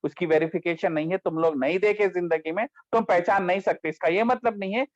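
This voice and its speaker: High-voiced man teaching scripture, emphatic. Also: dry recording. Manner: emphatic, rhetorical questions, quick shifts in pitch. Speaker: Islamic teacher. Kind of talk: religious lecture on scripture. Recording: dull lo-fi, dry sound.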